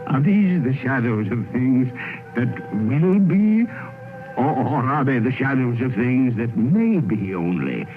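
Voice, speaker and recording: An actor playing a terrified, repentant old miser in an old radio play, with a quavering, pleading delivery. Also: male voice, medium pitch, very animated, takes it slowly. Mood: dread. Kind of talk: 1930s radio drama acting. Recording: tinny old radio broadcast with music.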